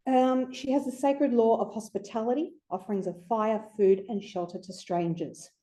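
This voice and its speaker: A woman's voice: a little high, fairly even intonation, moderate pace, mellow. A woman giving an informal lecture to a group, chatty and conversational with playful asides. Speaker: astrology speaker presenting to a group.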